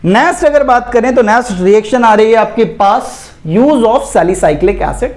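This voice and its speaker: A man from India delivers a chatty exam-prep chemistry lecture, addressing students as "beta" and "bhai" and constantly checking in with "theek hai." His high voice is unhurried and darkish, with lively intonation, and he keeps repeating "theek hai" and "ye dhyan rakhen."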